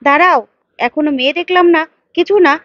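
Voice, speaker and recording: A woman's voice: high-pitched, a little fast, no room sound, highs cut off, natural voice. A woman voicing a bossy older mother arranging her son's match, giving orders in a fussy, commanding way.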